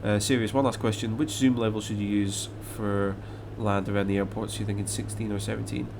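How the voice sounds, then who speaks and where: A young Scottish man whose accent carries a slight English mix streams flight sims, chatting casually and reading out viewer questions. His lowish, gravelly voice shows little pitch movement and goes fairly quick, rambling with plenty of fillers and restarts over a noisy background.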